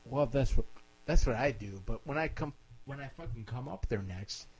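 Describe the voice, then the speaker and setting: A man's voice: medium pitch, expressive, normal speed, husky, rough recording. A drunk man with hiccups hosting a casual podcast, rambling crudely and swearing heavily. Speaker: podcast host. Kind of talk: casual profane podcast chat.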